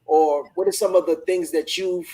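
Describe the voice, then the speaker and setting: A man's voice: a little high, steady tone, moderate pace, warm tone, low-quality recording. A man hosting a live online business discussion, talking in an enthusiastic, motivational way and often repeating words as he starts a thought. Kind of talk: casual group discussion.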